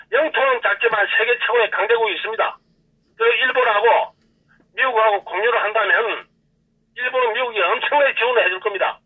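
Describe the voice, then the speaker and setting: A male caller speaking Gyeongsang dialect rants with heat on a call-in program, going over the same points again and again. His voice is high and slightly rough, coming through a tinny, distant telephone line.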